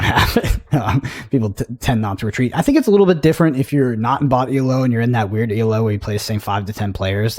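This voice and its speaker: A man co-hosting a podcast in laid-back casual chat, often trailing off quietly. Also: on the low side, dry recording. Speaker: podcast co-host.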